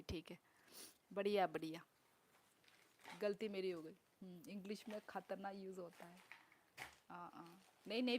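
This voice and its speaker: A young woman chatting casually on a live stream, reading comments and repeating words as she works them out. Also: medium pitch.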